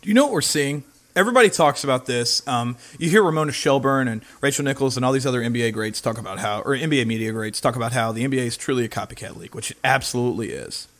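A man hosting a hockey talk show, opinionated and emphatic, jumping up in pitch to drive points home. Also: fast talker, a bit bright. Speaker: sports talk host.

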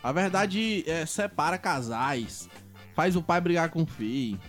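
A man's voice: on the high side, expressive, unhurried, a bit bright, faint music behind. A Brazilian man co-hosting a podcast, joking and swearing through casual banter. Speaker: podcast co-host.

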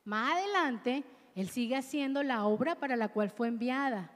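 Brief: a woman preacher with a high voice who leads call-and-response with her congregation, heard in a reverberant church hall. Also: lively intonation, moderate pace. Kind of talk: sermon.

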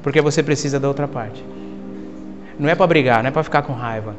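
A Brazilian man preaching a sermon to his congregation, calling them "my brother" and swinging from hushed asides to loud exhortation. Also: mid-range voice, quick pace, highs cut off. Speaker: pastor. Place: church service with congregation in masks. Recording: long hall reverb with faint music.

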